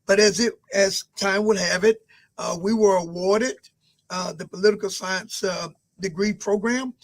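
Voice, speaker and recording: A man in his sixties answering interview questions at a measured pace, with frequent pauses and fillers. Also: sits high. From Albany, Georgia. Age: 60s. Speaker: mayoral candidate guest.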